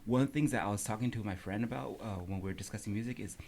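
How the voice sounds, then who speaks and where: A man's voice: on the low side, very fast, darkish tone, slight background noise. A man co-hosting a podcast, talking earnestly and casually about music. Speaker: podcast co-host. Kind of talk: casual chat.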